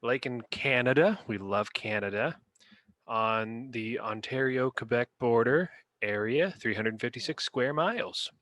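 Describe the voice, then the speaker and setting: A man's voice: medium pitch, unhurried, a bit bright, no echo, clean studio sound. A man co-hosting a podcast, rating dictionary words in casual chat and reading definitions aloud in a playful, rambling way. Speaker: podcast co-host.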